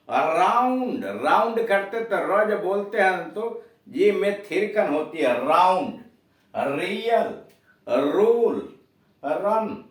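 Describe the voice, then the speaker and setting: Brief: unhurried male tutor drilling pronunciation, distant mic in a very echoey room. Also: a little high, a bit bright. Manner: slow, repeats example words with emphasis. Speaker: English teacher. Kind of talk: spoken pronunciation lesson.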